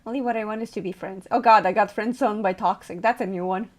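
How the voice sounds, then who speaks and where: A woman's voice: mid-range voice, fairly even intonation, fast talker. A woman streamer chatting casually with her viewers, playful and teasing, laughing often.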